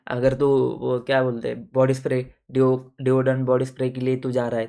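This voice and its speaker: Guy teaching audit class, chill and chatty, keeps asking if they got it, mellow voice. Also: medium pitch. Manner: casual, addresses students as buddies with everyday shop examples; repeats points and checks understanding. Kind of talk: exam coaching lecture.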